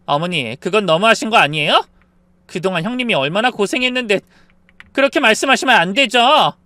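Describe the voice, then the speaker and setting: A man's voice: sits high, expressive, brisk, pushed and bright, no room sound. A man doing a polite pleading sister-in-law.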